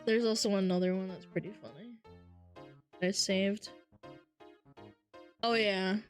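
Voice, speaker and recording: Faint music plays behind this woman as she banters on her livestream, reading viewer comments with a teasing, playful edge and frequent laughter. Her nasal voice stays mid-range and steady, and she doesn't hurry.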